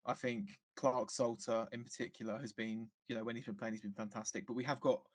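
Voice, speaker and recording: Brief: man of middling pitch, casual fan guest, halting delivery with lots of restarts. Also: fairly even intonation. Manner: hesitant, many restarts and fillers. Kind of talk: casual football chat.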